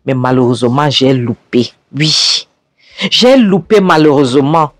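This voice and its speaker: A woman's voice: a bass voice, expressive, measured pace, no room sound, studio quality, exaggerated voice. A woman voicing a defiant young man who coldly taunts his rival in a film recap. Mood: taunting.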